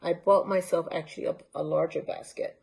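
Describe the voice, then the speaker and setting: A woman's voice: fairly low pitch, fairly even intonation, a little fast, vocal fry, a little mellow. A woman from Honduras, presenting handmade crafts in a casual, unscripted show-and-tell talk and holding pieces up to the camera. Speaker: library art talk presenter.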